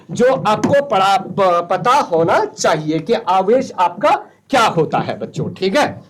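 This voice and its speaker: A male physics teacher giving a studio lecture for a virtual classroom, who asks the class a question and answers it himself. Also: extremely high pitch. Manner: asks questions and answers them himself, calls students "children". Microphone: studio mic.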